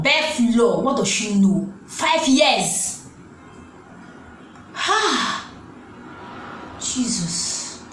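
Slow-talking Nigerian woman vlogger. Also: mid-range voice, echoey room, slight background noise, rough recording. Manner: repetitive, exclamatory, preachy. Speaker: YouTube vlogger. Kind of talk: emotional direct-to-camera vlog.

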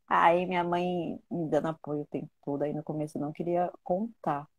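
Woman guest, low voice, close dry mic, heartfelt and repetitive storyteller. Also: fairly even intonation, fairly quick, no echo. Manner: emotional, repeats words, acts out dialogue. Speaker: guest sharing her cancer story. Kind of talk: casual conversational storytelling.

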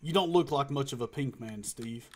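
A man's voice: medium pitch, moderate pace, a little mellow. A man streaming a horror game, chatting jumpily and teasing the characters he meets, with the odd swear. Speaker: gaming streamer. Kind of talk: let's play commentary.

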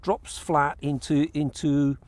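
A man's voice: fairly high pitch, fairly even intonation, takes it slowly, a little mellow, no echo. Chatty man narrating from a kayak. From England. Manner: chatty, explains step by step, restarts phrases. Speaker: fishing vlogger. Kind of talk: casual on-the-water commentary. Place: kayak out on open water. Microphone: action camera mounted on the kayak.

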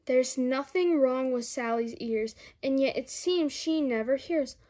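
At home indoors, a young girl reads a children's picture book aloud carefully, word by word, tossing in little asides to listeners. The female voice sits high, is a little slow, and has a dark tone.

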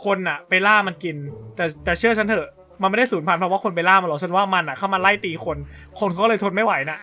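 A man hosting a chatty game commentary, talking quickly and breaking into loud yelps. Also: sits high. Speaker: gaming YouTuber. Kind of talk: excitable game commentary with role-play.

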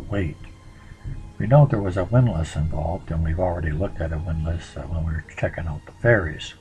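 Deep-voiced man narrating local history. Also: poor audio. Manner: relaxed, conversational, with frequent filler pauses.

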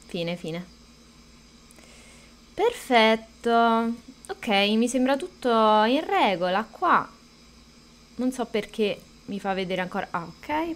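Brief: high-ish, slow-talking woman streamer, chatty and quick to swear at the game. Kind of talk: casual live-stream gameplay chat.

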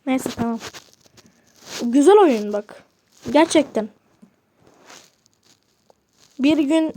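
Woman gamer chatting over gameplay, high mellow voice, talks to herself, gets annoyed at the game. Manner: chatty, mutters to herself, frustrated outbursts at the game. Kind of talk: casual gameplay commentary.

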